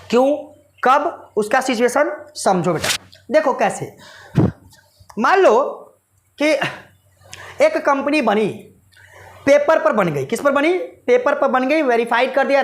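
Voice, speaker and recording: High-voiced woman teacher quizzing her class. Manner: quizzes students with repeated rhetorical questions; addresses listeners fondly as children. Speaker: commerce teacher. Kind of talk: explanatory class lesson.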